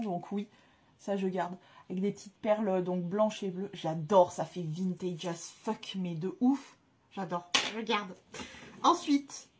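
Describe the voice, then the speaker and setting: Woman, casual vlogger, breathy husky voice, excitable, slangy, lots of fillers. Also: medium pitch. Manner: gushing exclamations, slangy and chatty; frequent hesitation fillers. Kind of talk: casual chat to camera.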